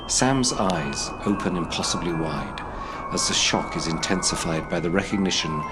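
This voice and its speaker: A man with a deep, low voice narrates a drama script at a moderate pace, reading from the page while loud music plays behind him.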